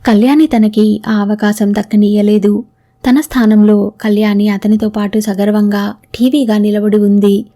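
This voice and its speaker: A woman's voice: mid-range voice, level tone, a little slow, warm tone. A woman narrating a novel aloud as an audiobook, reading both spouses' lines in her own voice.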